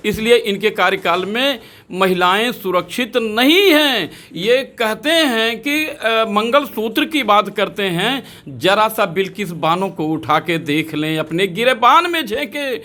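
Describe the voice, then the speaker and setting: A senior advocate man, answering a street interview with indignant, rapid-fire accusations. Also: sits high, animated, bright, forceful tone. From Uttar Pradesh.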